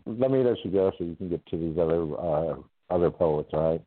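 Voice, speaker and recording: A man's voice: low-pitched, expressive, brisk. A man calling into a radio show over a phone line, rambling and chatty and laughing often. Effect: call-in voice over a phone line.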